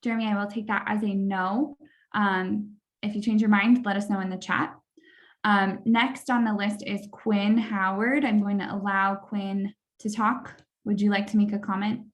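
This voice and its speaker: A woman's voice: mid-range voice, flat delivery, moderate pace. A woman moderating an online public hearing, speaking unscripted as she runs the session.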